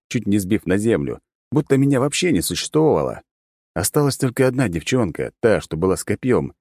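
Deep-voiced male audiobook narrator, mellow tone, even first-person storytelling. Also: no room sound, studio quality.

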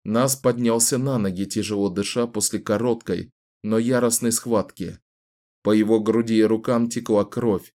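A man's voice: on the low side, fairly even intonation, mellow. Man narrating a dramatic audiobook. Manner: measured, dramatic storytelling.

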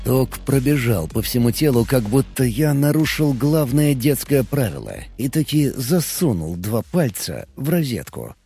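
A man narrating a first-person audiobook in an expressive, lively way. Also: mid-range voice, breathy edge, dry recording, studio quality.

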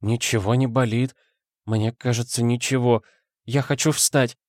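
A man's voice: medium pitch, steady tone, a little slow, darkish tone, dry recording, studio quality, close to an everyday voice. A man voicing a weak, confused young noblewoman who speaks faintly and hesitantly. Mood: dazed.

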